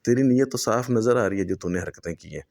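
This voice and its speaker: A man's voice: fairly low pitch, gravelly, darkish tone. A man voicing a powerful male jinn, stern and threatening as he speaks. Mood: mocking. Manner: threatening, scornful.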